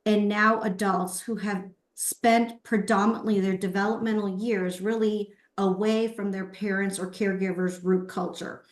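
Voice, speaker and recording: In an echoey, roomy recording, a webinar presenter lays out an explanation step by step, tossing in rhetorical questions and short nods to participants. The woman's mid-range voice stays level at a normal speed, with hardly any pauses.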